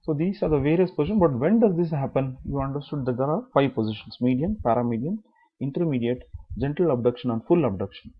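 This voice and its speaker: A man's voice: medium pitch, fast, husky, muffled recording. A man giving a medical lecture, explaining step by step, repeating key terms and asking then answering his own questions.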